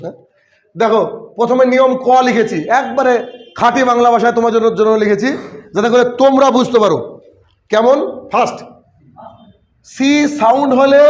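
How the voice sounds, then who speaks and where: A man teaching spelling rules in an exam-prep lesson, asking his students questions and answering them himself. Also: very high voice. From West Bengal, India. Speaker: English teacher.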